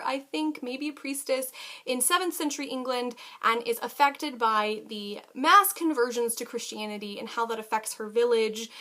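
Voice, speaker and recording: A woman's voice: high-pitched, sharp tone. A woman talking casually and enthusiastically to her viewers as a book vlogger, with emphatic delivery. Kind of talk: casual book haul chat to camera.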